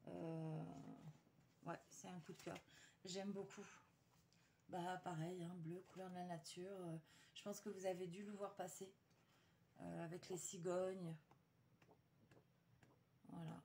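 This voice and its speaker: A woman's voice: on the low side, little pitch movement, slow, gravelly, pauses often, dark tone, a little hiss or hum. A woman chatting casually to her viewers while showing a paper haul, hesitant with many fillers and restarts.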